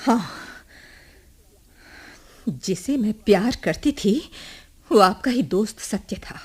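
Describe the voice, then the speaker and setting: A husky-voiced proud young lover. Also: female voice, medium pitch, lively intonation, slow pace, darkish tone. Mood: earnest recounting. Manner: earnest, emotional storytelling. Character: young woman, secret lover, proud and defiant. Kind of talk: 1980s radio drama acting.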